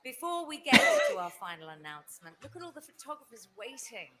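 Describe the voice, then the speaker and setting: Hosting a live prize ceremony at an event venue, a woman reads out the shortlist in an upbeat, presenter-like way. Her voice is fairly high with big pitch swings and a brisk pace, heard over a crowd in a noisy venue stream.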